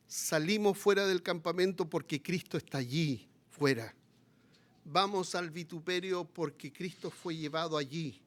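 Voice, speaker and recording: A Chilean-accented man delivers a sermon as a pastor, his voice rising into loud, impassioned appeals and then dropping into quiet, low stretches.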